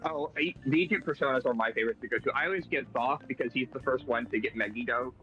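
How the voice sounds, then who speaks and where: A man's voice: mid-range voice, fast talker, dull audio, faint music behind. A man chatting casually while playing a game, hesitant with many fillers and restarts. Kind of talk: casual gaming chat.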